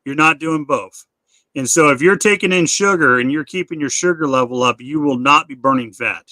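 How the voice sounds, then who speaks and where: A man's voice: on the high side, normal speed, bright, forceful tone, dry recording. A middle-aged man hosting a live Q&A, chatting casually and often repeating or restarting his words. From United States. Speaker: live stream host.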